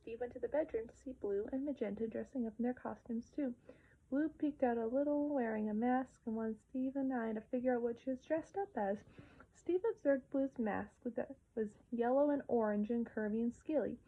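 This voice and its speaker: A woman's voice: fairly high pitch, a little fast, breathy edge. A woman casually retelling a children's episode, with occasional whispered asides. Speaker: storyteller. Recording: narrow phone-like sound.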